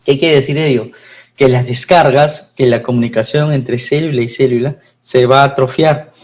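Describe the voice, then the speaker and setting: A Peruvian man at a middle pitch teaches a pharmacy course. He talks in loose, repetitive phrases and keeps checking in with his students. The sound is dull and lo-fi, like an online class recording. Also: fairly even intonation, normal speed, darkish tone. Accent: Peruvian Spanish. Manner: repeats phrases, asks the class questions.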